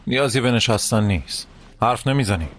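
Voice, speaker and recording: A man's voice: mid-range voice, expressive, fairly bright tone, a little hiss or hum, lightly acted. A man dubbing a defiant young man who speaks firmly to a commander in a television drama. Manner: defiant, firm.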